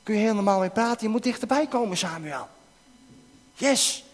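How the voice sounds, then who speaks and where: Lively high-voiced man preaching to kids. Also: normal speed. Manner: animated, coaxing questions to children, bursts into shouting. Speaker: preacher leading a children's talk. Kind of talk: interactive object lesson with children. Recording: long hall reverb.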